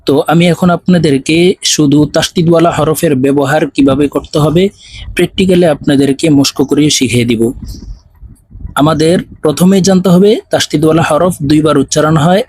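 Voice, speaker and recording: A man with a Bangladeshi Bengali accent teaching Quran reading in an online lesson, drilling spellings slowly syllable by syllable. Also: on the high side, a little mellow, slight background noise.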